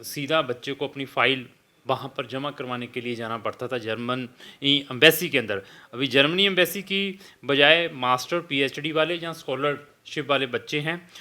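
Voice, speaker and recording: Bright-voiced man giving visa advice. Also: mid-range voice. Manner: explains steadily, mixing in English phrases, pausing on "uh". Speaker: immigration consultant. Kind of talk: advisory video talk to students.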